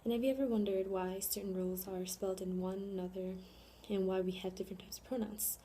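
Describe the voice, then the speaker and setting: A young American woman presents to her class in an earnest, halting way, filling pauses with ums and spelling words out letter by letter. Her voice is mellow and soft-edged. A faint hiss sits under the recording. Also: mid-range voice, fairly even intonation. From born in South Korea, raised in Chicago. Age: young adult. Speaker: student presenter.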